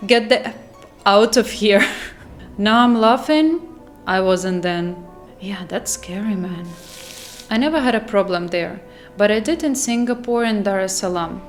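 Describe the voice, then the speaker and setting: A woman who worked as a flight attendant, telling spooky hotel stories in a casual, animated way and laughing at herself. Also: medium pitch. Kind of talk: casual storytelling to camera.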